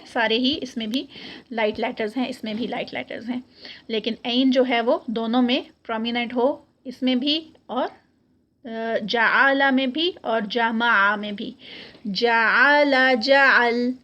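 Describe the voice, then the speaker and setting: A woman teaching Quran recitation, slowly drawing out each word to demonstrate it and then explaining it patiently. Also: a little high, fairly bright tone. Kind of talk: teaching lesson.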